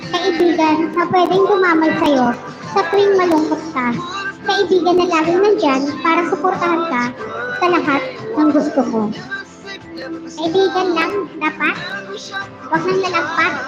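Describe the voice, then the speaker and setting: A woman's voice: extremely high pitch, normal speed, long pauses. A woman livestream host dramatically reading heartbreak letters aloud, teasing her partner between them. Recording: roomy, dull, with music behind.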